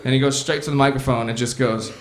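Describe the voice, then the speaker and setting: A man's voice: medium pitch, fairly even intonation, quick pace. A male stand-up comedian telling profane, laid-back stories on a comedy club stage into a stage microphone. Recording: reverberant club room.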